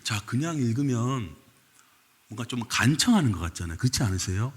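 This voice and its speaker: A man preaching a sermon as pastor, lively and quick to question his congregation, recorded in a church sanctuary. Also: mid-range voice, slight background noise. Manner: animated, keeps asking the congregation questions. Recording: long reverb of a church hall.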